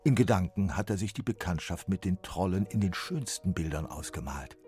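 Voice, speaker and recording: A man narrating a children's story in a lively, expressive way. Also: deep voice, moderate pace, faint music behind.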